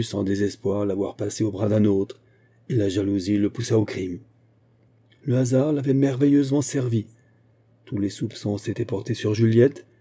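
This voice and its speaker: A man reading a nineteenth-century novella aloud in a steady, literary way. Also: fairly low pitch. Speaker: audiobook reader. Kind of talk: scripted narration.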